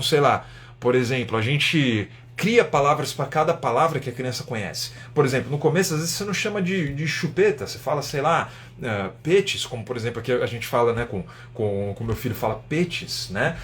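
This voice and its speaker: A man's voice: mid-range voice, fairly bright tone. A man with a Brazilian Portuguese accent, an English teacher hosting a casual live-stream lesson and reading viewer comments aloud. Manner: chatty, explains step by step, tags sentences with "né?", reads viewer comments aloud.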